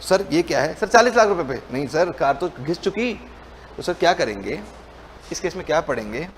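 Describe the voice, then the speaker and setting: A man with a fairly high voice teaches a commerce lesson. He plays both sides of the exchange, asking himself questions as the student and then answering them. A faint noise sits behind his voice. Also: lively intonation, moderate pace. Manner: colloquial, mixes Hindi with English terms. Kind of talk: lecture with role-played dialogue.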